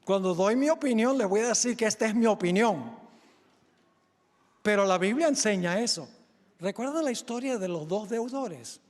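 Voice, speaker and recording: A man's voice: high voice, lively intonation, moderate pace, darkish tone, long reverb tail. A male pastor preaching a sermon in an earnest, emphatic way, speaking directly to his congregation.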